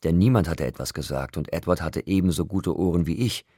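A man reading an audiobook in a calm, even storytelling manner. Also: low-pitched, brisk, breathy edge, no room sound, studio quality. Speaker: audiobook narrator. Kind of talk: audiobook narration.

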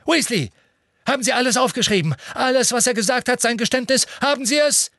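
A man's voice: high-pitched, expressive, normal speed, a bit bright, dry recording, clean studio sound, pitched above the performer's own voice. A man playing Fudge, a barking gloating minister. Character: blustering gloating middle-aged male minister.

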